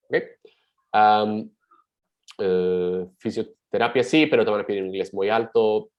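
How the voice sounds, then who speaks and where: Guy with a lowish voice running a webinar q&a, thinks out loud, answers fast. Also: rough recording. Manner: reads out questions and answers them briskly, thinking aloud. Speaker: migration advisor hosting a webinar. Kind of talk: live webinar Q&A.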